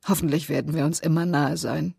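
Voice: medium pitch, steady tone, a little fast, gravelly, a little mellow, breathy edge, no echo, clean studio sound, full character voice. A reader voicing a tearful, weary older sister in an audiobook, sounding resigned. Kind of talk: audiobook character voice.

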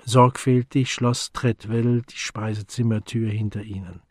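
A man reading a story aloud in a measured, even storytelling voice. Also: on the low side, dry recording, studio quality. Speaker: audiobook narrator. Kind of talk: scripted narration.

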